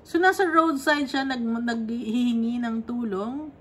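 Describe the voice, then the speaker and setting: A woman's voice: a little high, a little slow, slight background noise. A woman leading a conversational Bible study, reading verses and explaining them, often checking in with her listeners. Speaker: Bible teacher.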